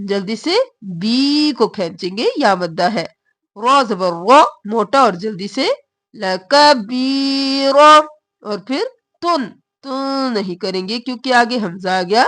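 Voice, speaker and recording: A woman teaching Quran recitation rules. She draws the recited words out slowly and explains each sound in quick, short phrases. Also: medium pitch, animated, fairly bright tone, no room sound. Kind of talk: slow recitation and explanation lesson.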